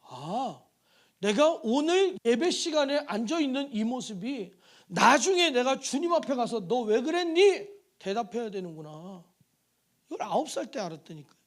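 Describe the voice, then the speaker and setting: Animated high-voiced male preacher. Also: normal speed. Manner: animated preaching, acts out voices, calls to congregation. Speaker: pastor. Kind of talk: sermon. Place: church sanctuary.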